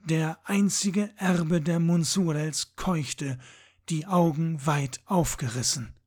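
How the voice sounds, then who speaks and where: A man reading a fantasy audiobook in a measured, dramatic storytelling manner. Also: fairly high pitch, darkish tone. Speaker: audiobook narrator. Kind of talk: scripted fantasy narration.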